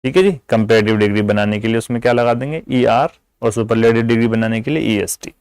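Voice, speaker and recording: A man's voice: mid-range voice, fairly even intonation, a little mellow, clean tone, no room sound, poor audio. Patient man teaching English grammar. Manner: explains patiently, repeats example words slowly; Urdu-heavy Hindi with Urdu grammar terms. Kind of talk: grammar lesson explaining adjective degrees.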